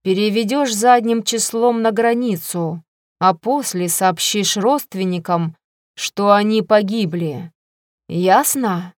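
A woman reading the part of a cold, arrogant young queen who gives slow, quiet, menacing orders in an audiobook. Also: medium pitch, no echo, clean studio sound. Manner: soft, slow, icy commands.

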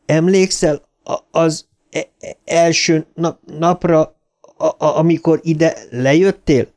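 A man voicing a determined boy gang leader who stutters heavily and shouts urgently. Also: fairly high pitch, fairly even intonation, pitched above the performer's own voice, lightly acted.

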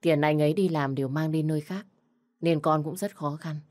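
A woman voicing a gentle, sorrowful young mother in a spoken story, talking softly and tearfully. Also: sits low, steady tone, moderate pace, lightly acted.

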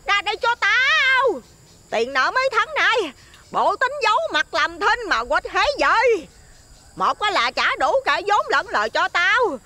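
Woman doing a shrill loan-shark dame. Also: pushed and bright, no room sound, in a large hall, heavily acted. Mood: threatening. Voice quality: shrill, piercing. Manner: scolding, mocking, abrupt pitch swings. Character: shrill greedy middle-aged female village loan shark.

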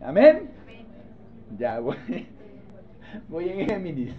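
A man's voice: sits high, takes it slowly. A man preaches in a church, his voice swooping up and down as he jokes and prods the congregation for an "amen." The recording is dull and lo-fi. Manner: animated, playful, asks the congregation for responses. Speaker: pastor. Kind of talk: sermon.

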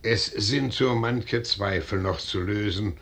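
In this 1950s radio play, a man voices a reserved, plain-spoken colonel serving as an envoy, using careful, formal stage delivery. His voice is lowish yet slightly bright, and there's a faint hiss or hum on the recording.

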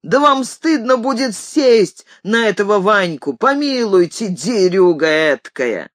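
Lady doing a loud bragging cabbie guy, slow drawn out hawking, swings up and down a lot. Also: lowish voice, wildly swooping pitch, husky, dry recording, clean studio sound, exaggerated voice. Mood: boastful. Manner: boastful hawking patter. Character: brash male sleigh cabbie touting a racing trotter.

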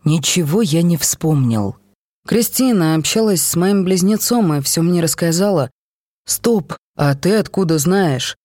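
Edward is a young man torn by rage and grief, his lines snapped out in sharp outbursts, as a storybook reader plays him. The voice sits at a middling pitch and is recorded close and dry, with no room sound around it. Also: animated, unhurried, no room sound. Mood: agitated. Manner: outbursts of anger. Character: angry young man desperate to find his twin.

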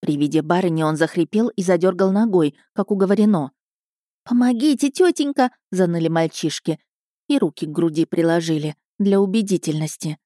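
A woman narrates an audiobook in measured, even storytelling. Her voice sits low with a mellow, warm tone, recorded dry and close. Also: no room sound.

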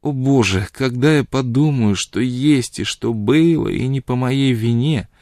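A man's voice: medium pitch, measured pace, a little mellow, no echo, studio quality, pitched above the performer's own voice, lightly acted. A man voicing a drunken, bitter, self-pitying woman in an audiobook, wailing and accusing in slurred outbursts.

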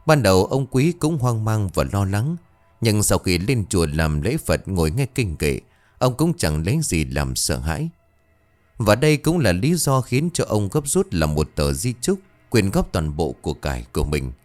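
Deep-voiced man telling a ghost story. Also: very animated, moderate pace, a little mellow.

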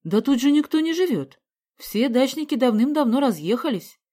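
A woman's voice: high voice, sing-song, moderate pace, dark tone, voice pushed up. A woman voicing a serious, concerned father who questions his daughter. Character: serious concerned father, middle-aged man.

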